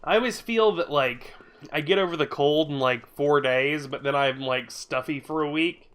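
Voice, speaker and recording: Here a man with a stuffy, cold-affected voice chats casually with viewers while live-streaming a game, rambling and grumbling with the odd swear word. His voice is a little high and a bit bright, at a moderate pace.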